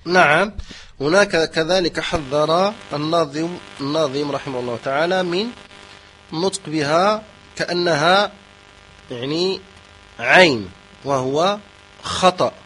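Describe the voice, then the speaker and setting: Guy teaching tajweed, high voice, drawn out slow words, chants verses now and then. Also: fairly bright tone, a little hiss or hum, rough recording. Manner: repeats words slowly, contrasting right and wrong pronunciation; chants Quranic phrases in a melodic recitation. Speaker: Quran recitation teacher. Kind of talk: tajweed lesson with recited examples.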